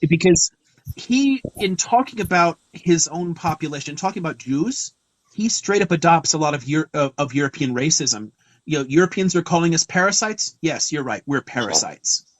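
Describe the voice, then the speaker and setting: A man's voice: on the high side, animated, moderate pace, no echo, rough recording. A man hosting a live stream, explaining history in a thoughtful, digressive way with many fillers. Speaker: host. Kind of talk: casual lecture on a live stream.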